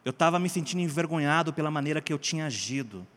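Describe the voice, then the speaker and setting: Um homem brasileiro contando um testemunho em tom de pregação, animado, alternando gritos e murmúrios e chamando os ouvintes de gente e queridos. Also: male voice, on the high side, expressive, very fast, fairly bright tone, big-room sound. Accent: Brazilian Portuguese. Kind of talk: sermon-style personal testimony.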